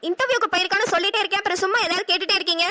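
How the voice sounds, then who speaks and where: A woman with a Namakkal Tamil accent voicing a sharp-tongued, impatient young wife in a cartoon. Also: extremely high pitch, very fast. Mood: irritated. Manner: snappy, dismissive.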